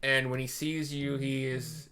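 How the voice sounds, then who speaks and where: A man's voice: mid-range voice, level tone, measured pace, pushed and bright, a little hiss or hum. A man acts as game master with an ordinary mid-range voice. He narrates casually and hesitantly, thinking aloud through the game.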